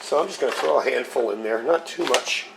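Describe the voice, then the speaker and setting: The host of a casual cooking vlog speaks a little fast in a mid-range voice, gravelly and slightly scratchy as he recovers from a cold. He's relaxed, narrating each step while working with his gear.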